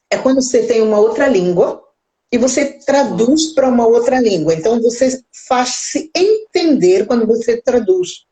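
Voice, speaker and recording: A woman co-hosting a live talk show, telling animated stories and laughing often in casual chat. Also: a little high, rough recording. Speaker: co-host.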